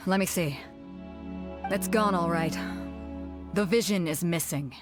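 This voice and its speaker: A woman's voice: lowish voice, unhurried, lightly acted. A woman playing a sensible, concerned ship crew member in a video game, speaking in an earnest, matter-of-fact way. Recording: game audio with music behind.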